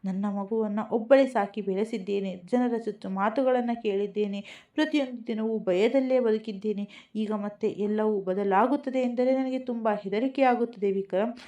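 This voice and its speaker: A woman's voice: on the high side, moderate pace, dark tone, close to an everyday voice. A woman voicing a frightened young single mother who speaks in a trembling, tearful voice. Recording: dull lo-fi recording.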